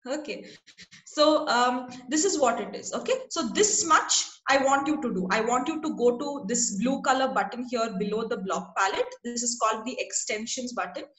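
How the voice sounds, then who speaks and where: A woman's voice: on the high side, normal speed, a bit bright, roomy sound. A woman teaching a class online over a video call. She is patient and checks in often with her students.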